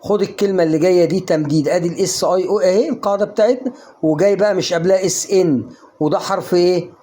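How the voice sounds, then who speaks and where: A rapid-fire Egyptian man with a high, dark-toned voice and an Egyptian Arabic accent gives a casual online English pronunciation lesson, prompting the viewer with questions he then answers.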